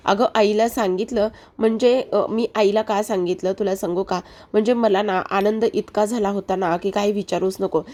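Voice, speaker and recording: Brief: soft-spoken reassuring husband, read by a woman; coaxing, repetitive comfort. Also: mid-range voice, close to an everyday voice. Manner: soothing, coaxing. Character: gentle reassuring young husband.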